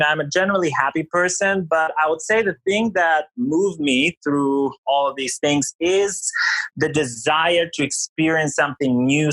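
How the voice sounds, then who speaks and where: A man's voice: on the high side, fairly bright tone, dry recording, rough recording. Bulgarian-born man explaining research with fillers. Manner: thoughtful, many fillers like uh and you know. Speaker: psychology researcher guest. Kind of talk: conversational podcast interview.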